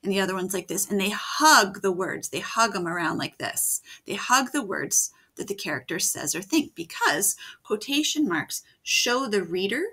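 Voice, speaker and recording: A woman teacher giving a video writing lesson for children, explaining slowly and patiently step by step. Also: mid-range voice, animated, pushed and bright, breathy edge.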